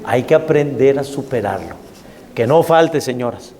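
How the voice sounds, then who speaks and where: A man's voice: medium pitch, expressive, normal speed, warm tone, big-room sound. A man, a rabbi preaching a sermon animatedly, full of rhetorical questions.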